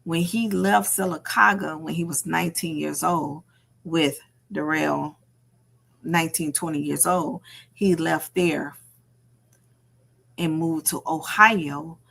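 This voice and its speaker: Low-pitched and gravelly, this woman talks slowly and pauses often while hosting a livestream. Her casual gossip commentary comes as emphatic, animated stories in which she acts out quotes and repeats phrases for effect.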